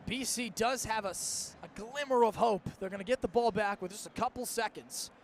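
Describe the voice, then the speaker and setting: A young American man with a high-sitting voice calls live football play-by-play at a normal speed, emphatic and dramatic, from a stadium broadcast with slight background noise. He's working as a sports play-by-play announcer.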